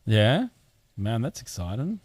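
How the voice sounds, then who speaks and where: A man's voice: medium pitch, very animated, a little slow, darkish tone, slightly rough, no echo. A man with a broad New Zealand accent hosting a casual interview in a laid-back, slangy way. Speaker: podcast host.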